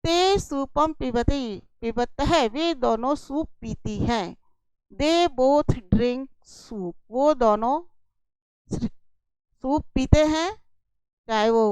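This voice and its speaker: A woman teaching a Sanskrit lesson in a slow, deliberate way, patiently repeating each example and explaining it. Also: sits high, lively intonation, a little mellow, clear, resonant tone, dry recording, low-quality recording.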